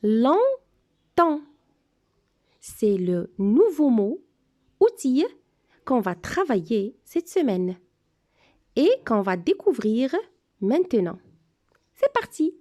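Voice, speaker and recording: A woman's voice: on the high side, very animated, takes it slowly, pauses often, warm tone. A woman teaching a reading lesson to young children, speaking with careful articulation and encouraging them. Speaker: primary school teacher.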